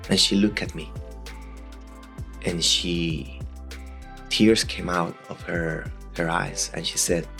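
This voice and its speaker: A man in his thirties from Costa Rica, speaking English with a Costa Rican Spanish accent as his second language, telling his life story as a podcast guest in a halting way with many restarts. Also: deep voice, vocal fry, a bit bright. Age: 30s.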